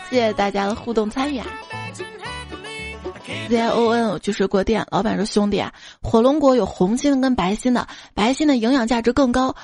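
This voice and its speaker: A woman's voice: fairly high pitch, darkish tone. A woman radio show host reading out listener jokes, playful and acting out the quoted voices.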